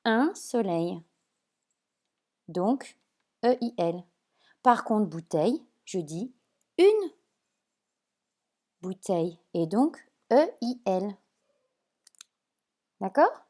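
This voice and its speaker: A woman teacher explaining spelling sounds at a whiteboard, slow and patient, checking often that her pupils follow. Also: medium pitch, darkish tone. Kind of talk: remote classroom lesson at a whiteboard.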